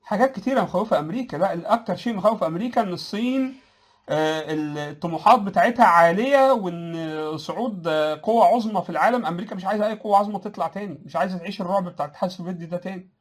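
An Egyptian man talks fast in casual political commentary, his voice sitting high. He mocks the ideas he answers, chuckles at his own points and trips into restarts as he hurries on. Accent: Egyptian Arabic.

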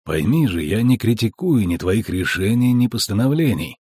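A stern male monster hunter speaks in a quiet, level, restrained way, as a male audiobook reader plays him. The voice is husky and the sound is dry and close. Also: lowish voice, big pitch swings, moderate pace, no echo. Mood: calm.

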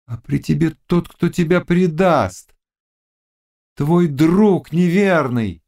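A man voicing a fierce, mocking young witch and fortune-teller in an audiobook, chanting incantations in a high, loud voice. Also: animated, slow, vocal fry, full character voice. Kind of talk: audiobook character reading.

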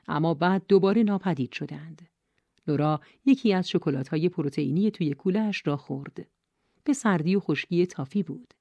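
A woman reading an audiobook in measured, even storytelling narration on a close studio mic. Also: low-pitched, no echo, lo-fi sound.

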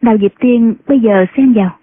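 A woman narrating a martial-arts novel as an audiobook in a steady storytelling manner. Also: fairly high pitch, a little fast, slightly rough. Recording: tinny phone-like sound.

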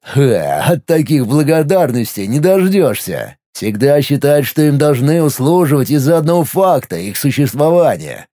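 A man voicing a sardonic male talking octopus in an audiobook, with a slow, low, sarcastic drawl. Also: very animated, mellow, no echo, clean studio sound. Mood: scornful. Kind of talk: audiobook character voice.

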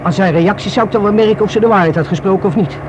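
Speaking very fast in a high-pitched voice close to an everyday one, a man acts the part of a young man who warily, regretfully opens up to the police in a radio drama. He's hesitant, colloquial and self-reproaching. The old radio play recording is noisy.

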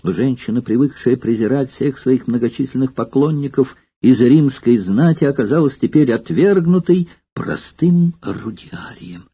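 A man narrating a novel in a measured, expressive audiobook reading. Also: medium pitch, slightly rough, no room sound. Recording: slightly dull lo-fi recording.

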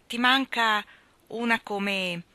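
A woman's voice: fairly high pitch, takes it slowly, bright, forceful tone, no room sound, voice pushed up. A woman reading the lines of a frank young woman in a storybook audiobook, earnest and mildly scolding.

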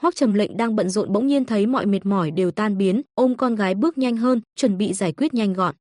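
A woman narrating a comic story in an even, steady reading. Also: medium pitch, a little fast, dry recording, studio quality.

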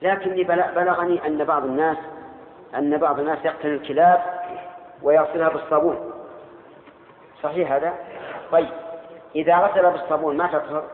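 Older man, scholar teaching a class, halting, repeats phrases, quizzes students, slightly high voice, tinny phone-like sound. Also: steady tone, a little hiss or hum. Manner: pauses and repeats phrases, asks the audience questions. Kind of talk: lecture on jurisprudence, questions to students. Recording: echoey hall, tinny phone-like audio.

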